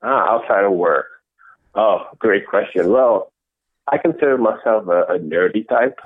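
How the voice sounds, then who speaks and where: A middle-aged man from the Netherlands answering interview questions in a measured way, often restarting his sentences. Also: fairly low pitch, dry recording. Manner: measured, with frequent restarts and fillers. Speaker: interview guest, innovation executive. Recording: dry, tinny phone-like call audio.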